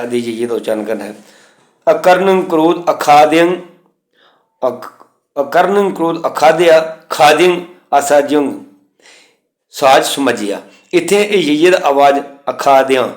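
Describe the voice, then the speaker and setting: A man teaching scripture pronunciation, slowly reciting verse lines and then explaining them plainly. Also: mid-range voice. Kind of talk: instructional lesson. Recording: echoey room.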